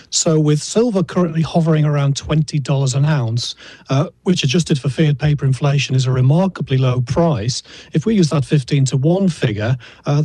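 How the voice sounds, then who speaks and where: Mellow-voiced male interviewer. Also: fairly high pitch, husky, no room sound. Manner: measured, leading questions. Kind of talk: interview questions.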